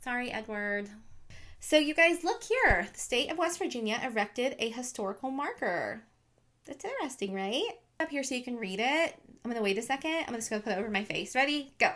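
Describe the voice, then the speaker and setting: A woman's voice: on the high side, lively intonation, brisk, a bit bright. A young woman casually retelling a true crime story to her viewers on camera, chatty and full of fillers. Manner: chatty, lots of "like", talks to viewers.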